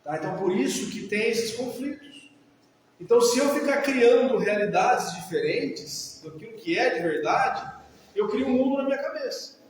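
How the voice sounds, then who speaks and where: A man with a Brazilian accent gives a didactic talk on the mind. His voice sits high for a man and he keeps asking his listeners short checking questions. He is picked up from a distance in a big, very echoey hall with a long tail of reverb and faint background noise. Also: expressive, normal speed. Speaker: mental health professional. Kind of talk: lecture to an audience.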